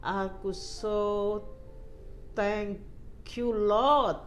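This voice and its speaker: A woman's voice: mid-range voice, fairly even intonation, extremely slow, a little hiss or hum. Woman guest, heartfelt faith testimony, code-switches to English, laughs readily. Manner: mixes English phrases into Indonesian, laughs often. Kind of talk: emotional faith testimony in casual chat.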